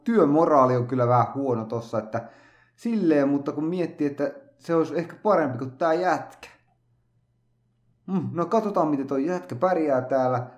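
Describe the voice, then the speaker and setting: A man's voice: medium pitch, darkish tone, reverberant, highs cut off. A man giving casual, joking commentary as he plays a video game, chatting to his game characters. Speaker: let's play gamer.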